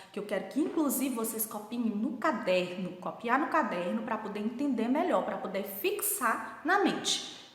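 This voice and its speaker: A woman teaching a children's grammar lesson, speaking slowly and deliberately, repeating points and asking the class to repeat after her. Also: medium pitch. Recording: echoey room with long reverb.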